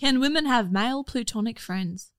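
A woman's voice: fairly high pitch, normal speed, fairly bright tone, clear, resonant tone. A woman, a podcast guest chatting casually in a blunt, sweary way. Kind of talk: casual chat.

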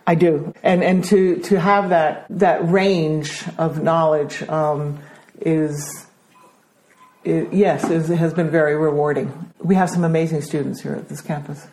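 A middle-aged woman from Brazil whose first language is Danish speaks with an American accent in a low, steady voice at a measured pace. As a school principal answering interview questions, she hesitates with many ums but sounds warm about her work.

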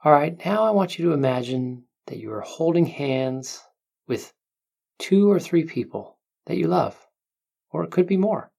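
A meditation guide speaking gently and unhurriedly, with long pauses between soothing instructions. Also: mid-range voice, lively intonation, creaky, slightly rough. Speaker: meditation guide, podcast host.

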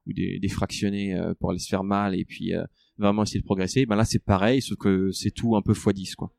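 A man in a relaxed interview, talking through his running training with many fillers and restarts. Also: deep voice, a little fast, creaky, no echo, clean studio sound. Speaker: ultra-trail runner guest. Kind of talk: conversational interview.

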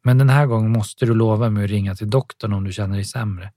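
An earnest, worried woman checking on a friend, voiced by a man reading an audiobook. Husky and a little breathy, close and dry. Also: on the low side, steady tone, warm tone, dry recording, lightly acted. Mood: concerned. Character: worried, caring woman, boxing coach.

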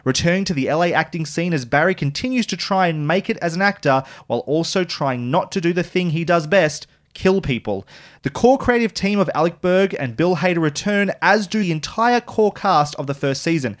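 A man hosting a podcast, chatting casually and reviewing a TV season with quick, joking asides. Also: fairly high pitch. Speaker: podcast host.

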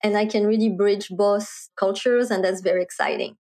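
A middle-aged woman from France with a French accent, speaking as an interview guest and explaining things clearly with a light laugh now and then. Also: medium pitch, steady tone, normal speed, a little mellow. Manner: articulate, explanatory, laughs lightly while talking. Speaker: guest, marketing executive. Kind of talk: conversational interview.

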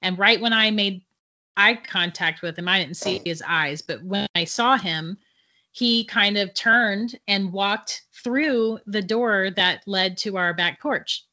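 Middle-aged woman, bright tense tone, chatty psychic guest, slightly dull lo-fi audio. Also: medium pitch, takes it slowly. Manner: chatty, laughs through her stories. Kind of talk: casual storytelling. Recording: dull lo-fi sound.

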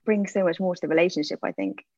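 A woman with a lowish, sing-song, slightly mellow voice talks quickly and openly as an interview guest, an aesthetic practitioner giving casual answers full of fillers. The recording is dry with no room sound and has a dull, lo-fi quality.

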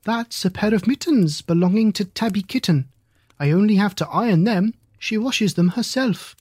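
A woman's voice: mid-range voice, lively intonation, normal speed, a little mellow, husky, no room sound, studio quality, pitched above the performer's own voice. A woman voicing a stout, anxious female hedgehog washerwoman who talks in a deferential, old-fashioned polite way. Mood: fussy polite.

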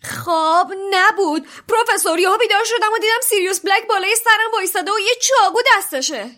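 A woman voicing a frightened, insistent teenage boy in an audiobook reading, high and urgent. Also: sharp tone.

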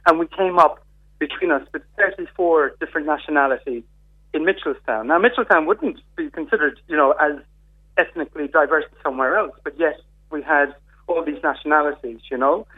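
Tinny narrow phone line, man, west Kerry-style Irish accent, slightly high voice, discursive explaining, interview guest. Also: a little fast, slightly rough. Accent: Irish, Kerry in the south-west of Ireland. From County Kerry, Ireland. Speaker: interviewee, community integration worker. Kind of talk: conversational radio interview answers.

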